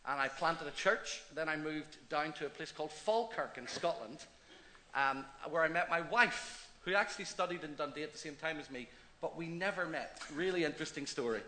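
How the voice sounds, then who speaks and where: On a church stage, a middle-aged Northern Irish pastor recounts his life in a stage interview that slides into preaching. He talks at a moderate pace in a fairly high voice, with his local accent, staying chatty, animated and self-deprecating.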